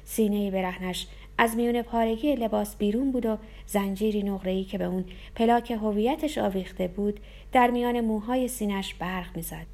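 A woman's voice: medium pitch, warm tone. Woman narrating a tense first-person story. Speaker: audiobook narrator.

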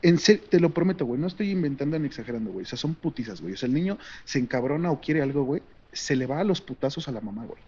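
A Mexican man with a husky, slightly raised voice tells stories with an animated, swooping delivery. He speaks slangy casual chat. The sound is dull and lo-fi. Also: a little high, very fast, hardly any pauses. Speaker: podcast co-host.

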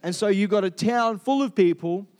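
Aussie guy giving a chatty sermon, kinda high voice, lots of ums and questions to the room. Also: normal speed, a little mellow. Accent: Australian. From Australia. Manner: chatty, asks the congregation questions, many fillers and restarts. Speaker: preacher. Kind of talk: conversational sermon.

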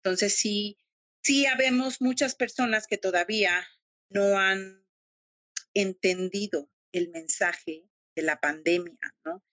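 Speaking slowly in a mid-range, fairly bright voice, a middle-aged woman with a Mexican Spanish accent tells her story with emotion and animation. She is a guest in a casual interview over video call, and the recording is dry.

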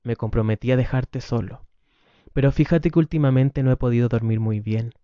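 A man reading the lines of a weary wife and mother, gentle with the children and hurt with her husband, on a dull lo-fi recording. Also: medium pitch, brisk, clear, resonant tone, no room sound, close to an everyday voice.

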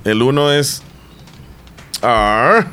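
A man hosting a casual chat show, playful and quick to laugh at himself. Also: mid-range voice, expressive, heavy background noise. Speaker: radio show host.

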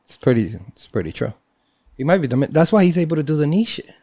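A man co-hosting a casual chat, talking in animated, blunt, profane banter. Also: fairly high pitch, quick pace, no echo, clean studio sound. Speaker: podcast co-host.

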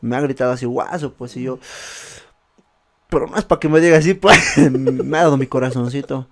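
A young man, co-hosting a podcast and telling a story in a casual, animated way. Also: medium pitch, fairly quick, background noise. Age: young adult. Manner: animated, acts out quotes in a raised voice, laughs often. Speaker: podcast co-host.

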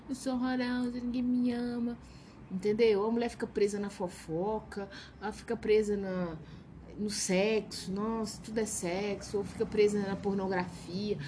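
A woman's voice: mid-range voice, darkish tone, a little hiss or hum. A woman with a Brazilian accent giving informal devotional teaching, reading a verse and then commenting on it in a blunt, emphatic way. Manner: blunt and emphatic, scolding asides. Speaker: Bible teacher.

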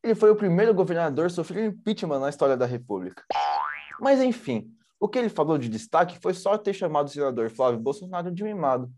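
A man co-hosting a news show, teasing his partner and explaining things as he goes. His voice sits fairly high and moves a lot in pitch. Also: big pitch swings, fast, darkish tone, a little hiss or hum. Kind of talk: informal political news commentary.

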